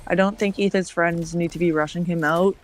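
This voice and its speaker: A woman's voice: fairly low pitch, steady tone, a little fast. A woman streamer telling a long story in casual chat. She acts out the other people's lines and swears often.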